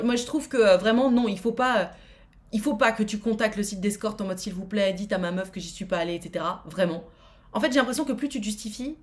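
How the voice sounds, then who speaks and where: A woman streamer giving frank advice live, reading out viewer messages, blunt and outspoken with plenty of swearing, quick to get worked up. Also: fairly high pitch.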